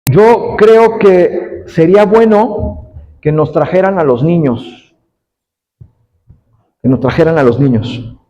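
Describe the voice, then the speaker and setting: A male pastor preaching a sermon, swinging between loud exhortation and hushed storytelling, firing rhetorical questions at the congregation. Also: on the high side, slow pace, long pauses, big-room sound, dull audio.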